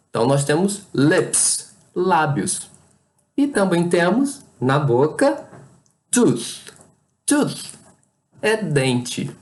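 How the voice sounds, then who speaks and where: An English teacher with a Brazilian Portuguese accent gives a pronunciation lesson, patiently repeating each word and over-articulating its sounds. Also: mid-range voice.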